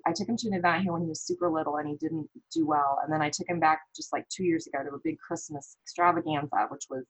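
A woman's voice: fairly low pitch, low-quality recording. A woman from the American Midwest, a podcast guest, talking casually and telling stories with quoted thoughts. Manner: animated storytelling with quoted thoughts. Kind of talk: casual conversation.

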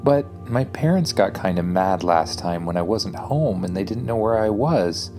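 A man's voice: lowish voice, lively intonation, moderate pace, darkish tone, soft background music, natural voice. Man as a casual, incredulous storybook kid. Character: casual young child hero of a bedtime space story.

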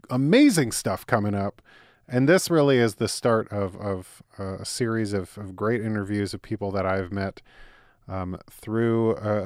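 A man's voice: lowish voice, dry recording, clean studio sound. Chatty laughing male podcast host. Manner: chatty, laughs often, many fillers and restarts. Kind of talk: casual podcast interview.

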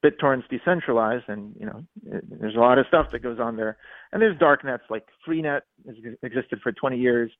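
A man calling in to a radio chat show comes through a narrow, tinny phone line at a middling pitch. He rambles and halts, padding his points with many fillers. The studio sound around him is dry.

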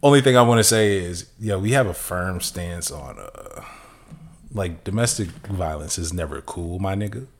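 A man's voice: deep voice, moderate pace, slight background noise. A man co-hosting a podcast in casual, slangy, joking talk with free swearing. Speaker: podcast co-host. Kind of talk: casual chat.

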